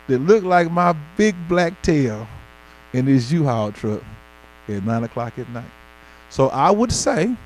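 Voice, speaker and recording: A man from Arkansas with a Southern accent touched by a St. Louis twang, presenting in an animated, colloquial, folksy storytelling way. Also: high voice, a little hiss or hum, rough recording. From Arkansas, United States. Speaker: presenter at an education talk. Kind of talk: informal public speaking with storytelling.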